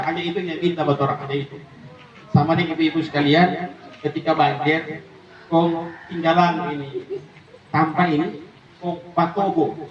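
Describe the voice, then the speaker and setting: A man giving a humorous condolence sermon, acting out voices with high squeals and laughing often. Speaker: preacher at a memorial gathering. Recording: echoey hall, distant, muffled mic.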